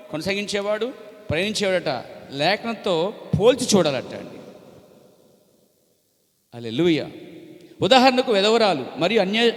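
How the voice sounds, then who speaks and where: A male pastor preaches with force, driving his points home and climbing to shouted peaks. His voice sits fairly high for a man. It rings with a long reverb in a church hall. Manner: emphatic preaching, rising to shouts on key phrases. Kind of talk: sermon.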